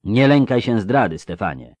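A man reading an audiobook, voicing a grave nobleman with a bass voice. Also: expressive, moderate pace, a little mellow, no room sound.

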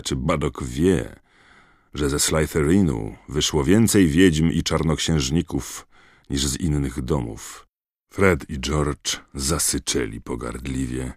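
A man narrating an audiobook with a very deep, low voice and a steady, measured delivery. The recording is close and dry, with no room around it. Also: dry recording. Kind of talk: scripted narration.

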